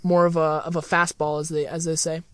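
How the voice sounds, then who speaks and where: A man's voice: fairly high pitch, flat delivery, fast talker, a bit bright, no echo. A man co-hosting a podcast, chatting casually and joking, often repeating himself. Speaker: podcast co-host.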